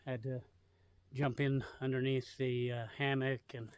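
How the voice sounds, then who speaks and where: A man's voice: mid-range voice, little pitch movement, a little slow, darkish tone, smooth. Man, rambling camping vlog, outdoors, phone camera, somewhat distant from the mic. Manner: rambling, easygoing, many fillers. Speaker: vlogger. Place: outdoors at a campsite on a cliff edge.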